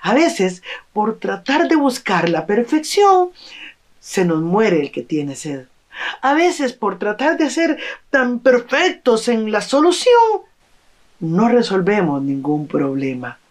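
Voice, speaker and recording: A woman telling an oral folk tale in an expressive, sing-song way. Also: medium pitch, slow. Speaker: storyteller.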